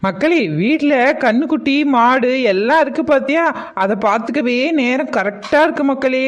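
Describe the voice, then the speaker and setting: A woman's voice: high voice, expressive, normal speed, lo-fi sound. A woman acting in a village family comedy skit, talking in a plain, matter-of-fact, chiding way.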